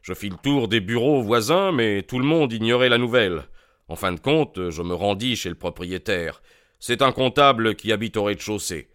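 A man's voice: lowish voice, lively intonation, normal speed, a bit bright, clean tone. A man voicing a bewildered, aggrieved middle-aged client in an audiobook, earnest and plain. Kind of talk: audiobook character voice.

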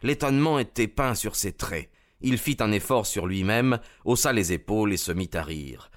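A man narrating an audiobook in a measured, dramatic way. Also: lowish voice, lively intonation.

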